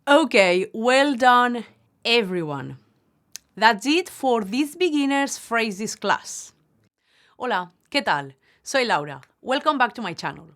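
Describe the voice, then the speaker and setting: A woman Spanish teacher giving a language lesson, repeating each phrase slowly and clearly. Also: fairly high pitch, very animated, fairly bright tone. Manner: slow, carefully enunciated repetition of phrases.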